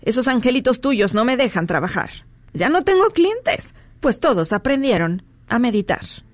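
A woman's voice: on the high side, very animated, moderate pace, no room sound. A woman voicing an impatient, mocking female Death skeleton in rhymed verse. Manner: read aloud in verse.

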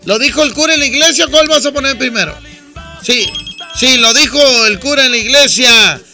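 A man with a Mexican accent hosting a radio request show, trading loud jokes with callers. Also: very high voice, fairly quick, faint music behind. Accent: Mexican Spanish. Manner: loud joking banter with callers. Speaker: radio DJ host.

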